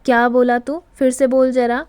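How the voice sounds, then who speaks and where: A woman voicing a sharp-tongued older grandmother who scolds her son-in-law. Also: high voice, little pitch movement, moderate pace, clear, resonant tone, no room sound, close to an everyday voice. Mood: scolding. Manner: scolding, feisty.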